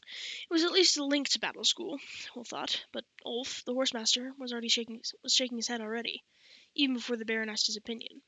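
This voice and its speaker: A woman narrating an audiobook in a bright, forward voice, pitched a little high. She catches her reading slips and corrects them aloud, all recorded close and dry. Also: fairly even intonation, fast talker, no echo, poor audio. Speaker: audiobook reader.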